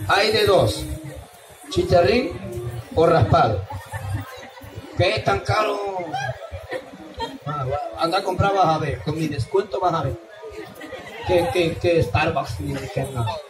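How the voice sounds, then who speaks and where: Silly high-pitched clown man hosting outdoors. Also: animated, takes it slowly, pauses often. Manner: silly clown patter, teasing and hyping the crowd. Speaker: street clown, show host. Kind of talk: comic street show hosting with audience participation. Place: outdoor town plaza by a bandstand at night. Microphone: far camera. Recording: outdoor crowd noise, loud music, distant echoey mic. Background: loud music and crowd.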